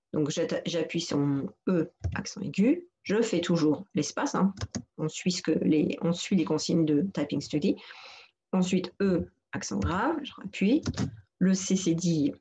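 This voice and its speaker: A woman's voice: fairly low pitch, mellow. A woman teaching a computer lesson for seniors, patiently walking through each step and repeating instructions. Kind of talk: screen-recorded tutorial narration.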